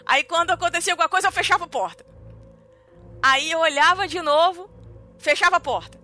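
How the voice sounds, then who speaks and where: Bright, high-voiced Brazilian woman storytelling. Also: a little fast, faint music behind. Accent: Brazilian Portuguese. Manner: animated, dramatic retelling with many fillers. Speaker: podcast co-host. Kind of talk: casual storytelling chat.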